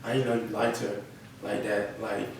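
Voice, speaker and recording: A young North Carolina rapper in a podcast interview has a lowish, creaky voice with flat delivery at normal speed. He keeps it slangy and casual, regularly asking "you feel me," and the recording is echoey and noisy from a mic placed far away.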